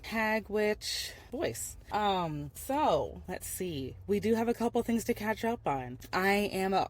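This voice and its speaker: A woman from Ohio hosting her own podcast, talking candidly and chattily with lots of ums and restarts, her voice a little rough from a lingering cough. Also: deep voice. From Ohio, USA. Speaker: author and podcast host. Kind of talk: casual solo podcast update.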